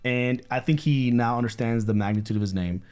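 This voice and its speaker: A man co-hosting a couple's reaction video, chatting casually and thinking out loud with many restarts. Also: mid-range voice, brisk, clean tone. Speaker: co-host of a couple reaction channel. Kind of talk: casual chat.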